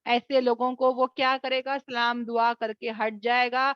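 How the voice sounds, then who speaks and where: A woman's voice: fairly high pitch, unhurried, clear, resonant tone, no echo, highs cut off. A woman teaching a Quran study class online, calling her listeners sisters and acting out what others say. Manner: animated, addresses listeners as sisters; acts out quoted remarks and asks rhetorical checks. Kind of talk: Quran study lesson in Hindi-Urdu. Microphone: online meeting recording.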